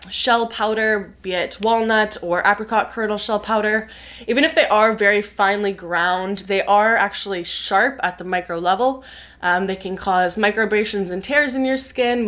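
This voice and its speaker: A woman's voice: mid-range voice, a bit bright. A young woman with a stuffy, nasal voice from a cold, chatting through a skincare review with lots of "um" fillers. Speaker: skincare reviewer, biochemist YouTuber. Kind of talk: casual explanatory video review.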